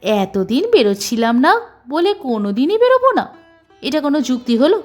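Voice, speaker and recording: A woman's voice: high voice, sing-song, fairly quick, darkish tone, soft background music. A woman voicing an older husband who answers his suspicious wife with teasing banter, in a storybook reading. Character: older husband, teasing, evasive, mildly mocking.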